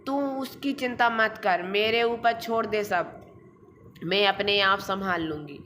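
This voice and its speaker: A woman's voice: medium pitch, a little slow, a bit bright, a little hiss or hum, natural voice. A woman voicing a blunt, bossy older aunt in a storybook reading, firm and outspoken. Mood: lecturing.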